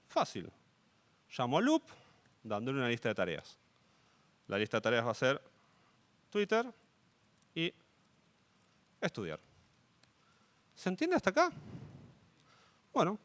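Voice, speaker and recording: A young conference speaker gives a live coding talk in an Argentine, Rioplatense Spanish accent, pausing often to check on the audience. His voice is a little high and a bit bright.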